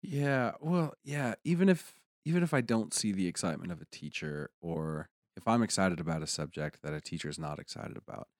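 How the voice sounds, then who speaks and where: A man with a very low, deep voice tells a personal story in casual conversation. He talks animatedly and climbs into excited peaks. The sound is dry and close to the mic. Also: fairly quick, hardly any pauses, dry recording.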